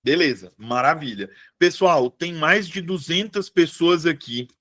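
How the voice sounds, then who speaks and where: Man, teacher, live online class, chatty, keeps asking if students follow, slightly high voice. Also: animated, a little slow, a bit bright. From Brazil. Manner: chatty, asks students constant checking questions. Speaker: Portuguese teacher for civil service exam prep.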